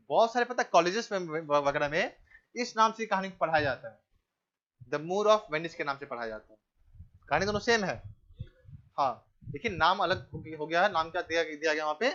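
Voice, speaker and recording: A male teacher giving a classroom lecture, asking the class questions, answering them himself, repeating key names and telling the students to keep quiet. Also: high voice, muffled recording. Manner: tells the class to keep quiet and pay attention.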